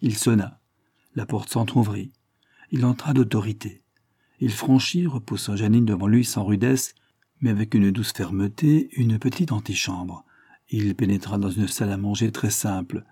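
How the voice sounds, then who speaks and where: A man reading a novel aloud with steady, measured narration. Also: lowish voice, husky, dry recording, clean studio sound.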